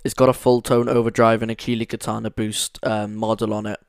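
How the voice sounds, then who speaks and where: This podcast co-host is a young man with a lowish, smooth voice who talks fairly quickly with flat delivery, recorded with no room sound. Close to his microphone, he rambles enthusiastically in casual chat, using plenty of fillers.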